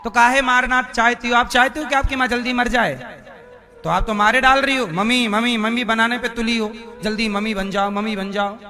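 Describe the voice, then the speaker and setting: A man's voice: very high voice, steady tone, brisk, pushed and bright. A man preaching a devotional sermon, often questioning the audience and chanting verses. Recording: live hall with music behind.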